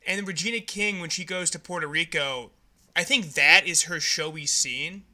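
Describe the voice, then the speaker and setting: A young man with a very bright, slightly high voice, talking through a movie review in loose, frank podcast chatter. He laughs easily and keeps it casual. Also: normal speed. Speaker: podcast co-host.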